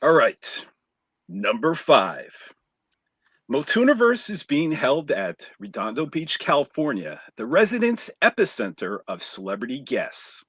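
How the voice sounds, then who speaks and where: Husky man reading a jokey countdown. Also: mid-range voice, huge pitch swings, a bit bright, no room sound. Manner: jokey, reads list items with dramatic pauses. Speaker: podcast co-host reading a countdown list. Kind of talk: casual live-stream chat, reading a top ten list.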